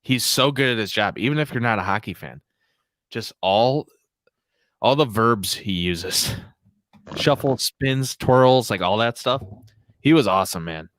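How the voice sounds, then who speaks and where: A man's voice: mid-range voice, animated, measured pace, a bit bright, dry recording. A man hosting a podcast livestream, chatting casually and rambling with many fillers, a bit out of breath. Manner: rambling, filler-heavy, jokey. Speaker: podcast host.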